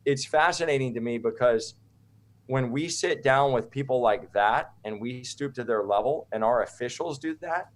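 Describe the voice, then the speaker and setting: Rambling and opinionated, a U.S. man chats informally as an interview guest, often asking "right?" His voice sits in the mid-range and moves at normal speed.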